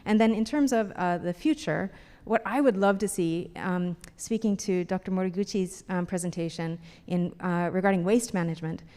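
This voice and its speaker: A woman's voice: lowish voice, moderate pace, dark tone. A middle-aged woman from Canada speaks on a symposium panel in a chatty way, laughing often and using many fillers. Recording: reverberant hall.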